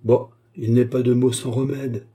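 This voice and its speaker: A man's voice: mid-range voice, little pitch movement, moderate pace, mellow, slightly rough, voice pushed up, close to an everyday voice. Man doing a hearty old country nobleman. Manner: hearty and effusive. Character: jovial old male country nobleman and hunter.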